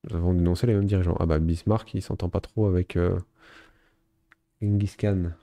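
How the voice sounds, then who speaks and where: A man's voice: sits low, fairly even intonation, fairly quick, creaky, mellow, no echo. A man casually commenting on a strategy game as he plays, thinking aloud with many fillers. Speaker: gaming video host. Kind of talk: casual let's play commentary.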